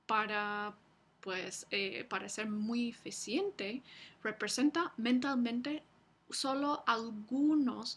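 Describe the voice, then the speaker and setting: A woman university lecturer giving a recorded lecture, explaining slowly with frequent fillers and restarts. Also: a little high, breathy edge.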